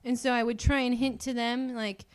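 Casual storyteller, woman, clear smooth voice, slightly high. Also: level tone, moderate pace. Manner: chatty storyteller, acts out quoted voices with laughs. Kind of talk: casual chat.

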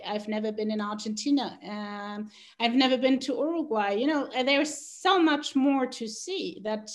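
Hesitant South American woman guest. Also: fairly high pitch. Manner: hesitant, many fillers, laughs often. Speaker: podcast guest. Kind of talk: casual interview chat.

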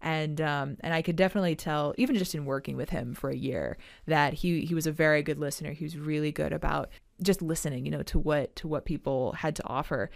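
Woman podcast co-host, lower voice, casual chat, lively storytelling, dry close sound. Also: brisk, gravelly, hardly any pauses, no echo. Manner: chatty, animated storytelling with many fillers.

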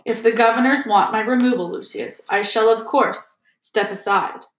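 A woman voicing a wise, calm male headmaster in a storybook, polite and carefully measured. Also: fairly high pitch, echoey room, lightly acted, low-quality recording. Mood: calm firmness. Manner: polite, measured, slow and clear. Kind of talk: storybook character voice.

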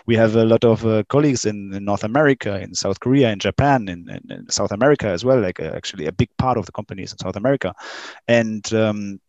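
A young man from Germany, answering interview questions in a halting way with many fillers and restarts. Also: fairly low pitch, darkish tone, no room sound, dull audio. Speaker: interview guest, game company staff.

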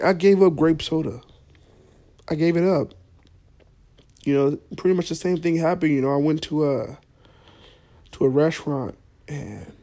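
A man's voice: on the high side, mellow. Man ranting in a profane, mock-earnest tone. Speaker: podcast host. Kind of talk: comedic podcast monologue.

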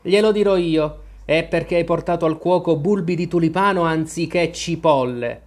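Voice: medium pitch, normal speed, natural voice. The narrator voicing Five, a touchy playing-card gardener with an irritable, snappish way of talking.

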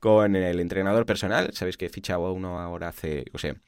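A man's voice: sits low, fast, smooth, no echo, clean studio sound. A man co-hosting a podcast in casual chat, enthusiastic and full of asides. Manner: animated, enthusiastic, many asides. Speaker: podcast co-host.

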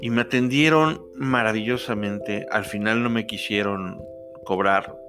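A young Mexican man with a Mexican accent, telling a personal travel story in a relaxed, chatty way with many fillers. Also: fairly low pitch, a little slow, music in the background. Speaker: podcast storyteller. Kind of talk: first-person travel anecdote.

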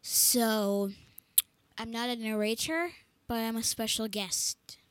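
A woman's voice: fairly high pitch, steady tone, slow, smooth, dry recording. A woman joining a casual chat as a guest, talking in a playful, cheeky way. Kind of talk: casual banter.

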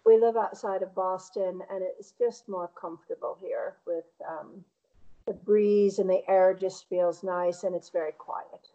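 A woman's voice: mid-range voice, steady tone, measured pace, mellow, muffled recording. A middle-aged woman from Connecticut with a New England American accent, chatting reflectively in a casual interview. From Connecticut, United States. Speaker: painter interviewed as guest.

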